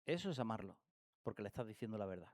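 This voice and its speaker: In a church hall, a man with an accent from Spain leads a Bible study lesson, talking very fast in a lowish, sing-song, somewhat mellow voice. He poses rhetorical questions and acts out examples from everyday life.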